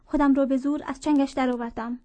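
A woman reading a story aloud in a measured narrating voice, speaking dialogue within the tale. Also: sits high, fairly even intonation, warm tone, dry recording. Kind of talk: audiobook narration.

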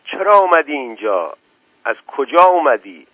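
Frightened, suspicious village man who shouts and accuses, voiced by a male radio reader; husky, tinny lo-fi radio. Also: medium pitch, expressive, dry recording, pitched above the performer's own voice. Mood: shouting.

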